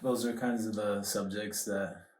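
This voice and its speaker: A man's voice: lowish voice, fairly even intonation, unhurried, a little mellow. A man co-hosting a podcast, asking curious questions and chiming in briefly. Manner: short interjections, curious questions. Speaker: podcast co-host. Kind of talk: casual chat. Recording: echoey room, off mic.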